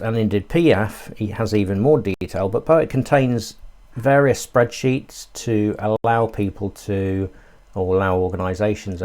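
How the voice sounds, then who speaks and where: A man's voice: lowish voice, a little mellow. A man giving a live online tutorial, explaining his ideas step by step and thinking aloud with many fillers. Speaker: course instructor.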